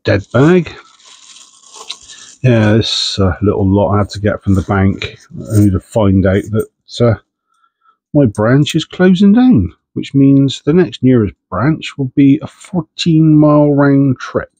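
A coin-hunting channel host with a head cold sniffs as he chats casually while sorting through coins. His mellow, husky mid-range voice is unhurried with lively intonation, and he sounds chatty, understated and self-deprecating in a dry recording.

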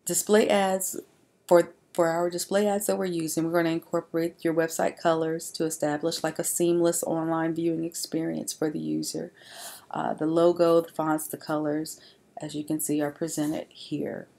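Female presenter, low register, loose unscripted voice-over for a slide deck. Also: level tone, moderate pace, creaky, mellow. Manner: informal, with frequent fillers and restarts.

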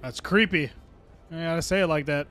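A man's voice: on the high side, brisk, fairly bright tone, a little hiss or hum. Chatty young man streaming a game. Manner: joking, chatty reactions to the game. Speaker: livestream gamer. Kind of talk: casual game commentary.

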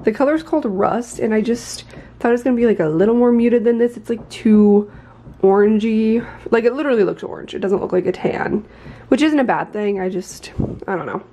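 This woman's voice sits on the high side, moving fairly quickly with a mellow quality. In her twenties, she's vlogging from her bedroom into a handheld phone camera, chatting loosely, meandering a little, and laughing at times.

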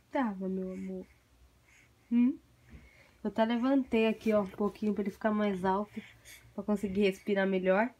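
A woman's voice: on the high side, a bit bright. A woman with a Brazilian accent, a mother chatting casually to her viewers in a home vlog while cooking and doing chores. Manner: chatty, often addresses viewers as "gente". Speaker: vlogger and mother.

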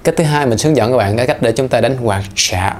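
A man's voice: medium pitch, quick pace, slight background noise. A man teaching guitar in a casual, playful way, counting the beats aloud as he explains. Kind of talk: casual instructional talk. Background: guitar playing.

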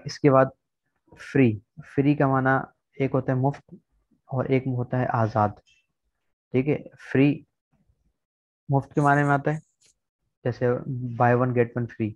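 A man's voice: medium pitch, flat delivery, a little slow, long pauses, a little mellow. A male teacher gives a patient, word-by-word vocabulary lesson over a video call, keeping his tone level with very little rise and fall. The sound is dry with no room echo, and the online recording is slightly dull and lo-fi. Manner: explains word by word, often checking with "theek hai". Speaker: English teacher.

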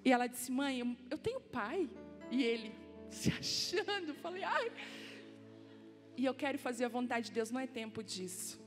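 A woman's voice: a little high, moderate pace. A woman, preaching a sermon as personal stories full of asides to the audience. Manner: storytelling, animated and personal, laughing asides to the audience. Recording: long hall reverb with soft music.

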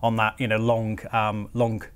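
A man's voice: fairly low pitch, monotone, a little slow, clear, resonant tone. A man in his forties hosting a pre-recorded business interview, friendly and a little hesitant, with fillers and repeated words. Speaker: host.

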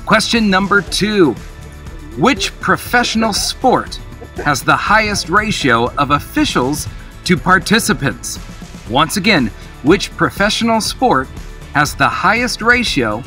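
An upbeat middle-aged man hosts a trivia quiz in the manner of a cruise director. His voice is bright and fairly high for a man, with some music in the recording. He addresses the viewers casually and encouragingly. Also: very animated, slow. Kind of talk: casual quiz hosting to camera. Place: outdoors in an open park.

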